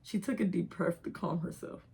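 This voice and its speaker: A woman's voice: fairly low pitch, moderate pace, creaky, warm tone, slightly rough. A young woman reading her own old writing aloud in an embarrassed, giggly, self-mocking way, casually breaking off to comment. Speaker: reader of own old fan fiction.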